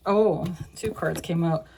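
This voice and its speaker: A young woman reads tarot cards in a loose, casual way. She rambles through a lot of fillers and restarts, and her voice sits at an ordinary middle pitch for a woman. She drops in a swear word now and then and laughs easily between the cards. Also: creaky, darkish tone, slight background noise. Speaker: tarot reader.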